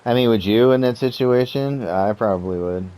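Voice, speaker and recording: A man playing a game, reading dialogue choices aloud and chatting casually, with halting delivery and lots of fillers. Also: medium pitch, warm tone. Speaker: let's play gamer.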